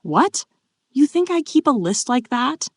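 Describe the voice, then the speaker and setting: A woman reading the part of a flustered, playful young noblewoman in a bright, raised voice. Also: medium pitch, lively intonation, moderate pace, no echo, lightly acted.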